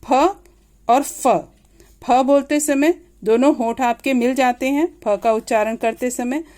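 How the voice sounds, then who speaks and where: A woman teacher giving a grade-school grammar lesson, slowly and patiently repeating each example aloud. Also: high-pitched, steady tone, warm tone.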